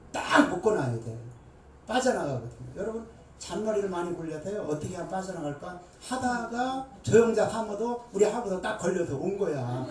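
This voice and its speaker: A middle-aged woman, a seminary dean, preaching a Bible lecture with emphatic, animated delivery to an audience. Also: medium pitch. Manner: emphatic, animated, with bursts of shouting and laughter. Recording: echoey room, voice far from mic.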